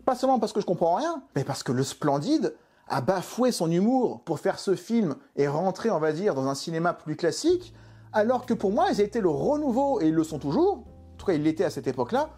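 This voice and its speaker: A man's voice: high-pitched, dark tone, husky. A man reviewing a film in an exasperated, emphatic way, full of rhetorical questions. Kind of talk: opinionated video film review.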